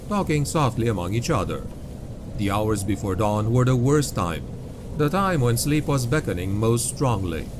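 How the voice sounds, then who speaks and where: A man reading grimdark fantasy as an audiobook narrator, with grave, dark, dramatic storytelling. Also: medium pitch, background noise. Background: music.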